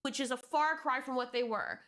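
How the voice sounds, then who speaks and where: Fired-up high-voiced woman ranting. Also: moderate pace, a bit bright. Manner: heated, exasperated, swears freely. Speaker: co-host reacting to clips. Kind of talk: casual ranting chat.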